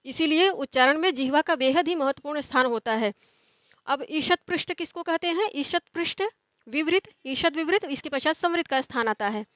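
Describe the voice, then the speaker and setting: A woman's voice: high-pitched, normal speed, a bit bright, no echo. A young woman teaching Sanskrit grammar in an explanatory lecture, repeating and rephrasing points as she goes. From India. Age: young adult.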